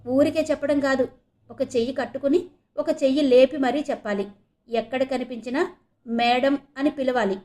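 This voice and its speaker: A woman's voice: high-pitched, darkish tone, natural voice. A woman narrator voicing a bossy female college senior giving orders. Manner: commanding, raised voice.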